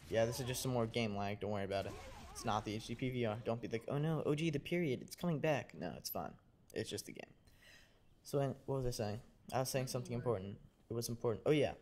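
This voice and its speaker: A man's voice: mid-range voice, fairly quick, a little mellow. A young man, sick, rambling and joking crudely through casual game commentary as a gaming YouTuber.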